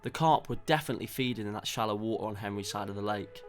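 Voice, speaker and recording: A man calmly narrating a fishing trip in a measured, scripted voice-over. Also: fairly low pitch. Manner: calm, measured storytelling. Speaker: fishing vlogger. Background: background music.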